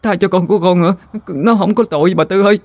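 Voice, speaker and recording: A frightened young woman, tearful and pleading, her voice strained high, as a male storyteller puts her on. She speaks, close and dry with no room sound. The ghost-story reading shapes every word as a desperate plea. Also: quick pace, darkish tone, no echo. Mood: begging. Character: young woman, terrified, begging for mercy.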